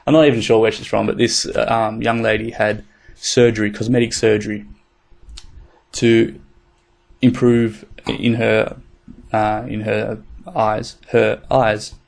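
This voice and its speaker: A man's voice: on the low side, little pitch movement, unhurried, creaky, pauses often. A man co-hosting a podcast, chatting casually in a laid-back, rambling way with plenty of fillers and swearing. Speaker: podcast co-host. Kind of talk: casual chat.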